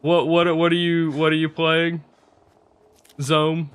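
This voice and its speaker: A man's voice: a little high, little pitch movement, takes it slowly, clear, resonant tone. A young man streaming a game, chatting casually with viewers in a rambling, profane way and laughing often.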